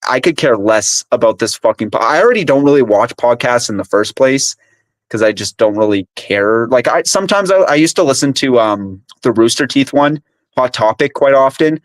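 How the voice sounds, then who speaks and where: A man's voice: mid-range voice, expressive, moderate pace, no echo. Young man rambling casual stream chat. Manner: rambling, filler-heavy, profane. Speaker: stream co-host.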